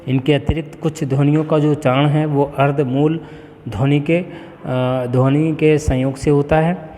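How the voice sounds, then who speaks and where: A man giving a spoken lesson, explaining slowly and deliberately, with a frequent "okay" as he moves between points. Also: a little high, flat delivery, warm tone, long reverb tail. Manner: slow, deliberate word-by-word explanation with frequent "ठीक है". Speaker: teacher.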